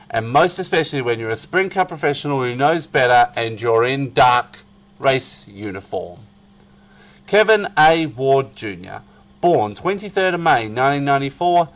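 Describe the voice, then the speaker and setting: A man reads an article aloud as a dramatic narrator. His delivery is theatrical and hammy, leaning hard on key phrases and stretching them out. His voice sits at an ordinary male pitch. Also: a bit bright. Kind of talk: dramatic reading of a written article.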